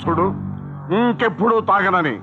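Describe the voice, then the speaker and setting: An older man playing a stern father who scolds his grown son in a booming voice. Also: moderate pace, lightly acted. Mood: scolding. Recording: slightly dull film soundtrack with loud music.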